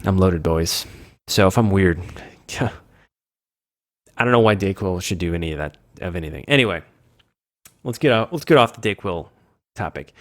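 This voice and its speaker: A man's voice: low voice, animated, normal speed, long pauses. A man with a cold hosting a casual gaming chat, rambling and poking fun at himself as he loses his train of thought. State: sick with a cold. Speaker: gaming show host.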